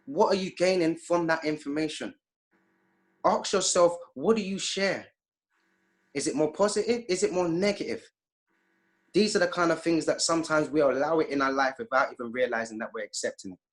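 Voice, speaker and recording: A man's voice: on the high side, fairly quick. Impassioned man preaching to parents. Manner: emphatic, preachy, acts out quoted voices. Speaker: guest speaker, youth activist. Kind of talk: impassioned interview talk.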